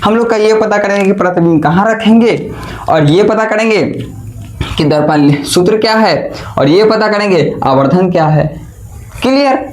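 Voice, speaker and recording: A man's voice: high voice, moderate pace, reverberant, slight background noise. A young man, teaching an online physics lesson in a playful, teasing, chatty manner.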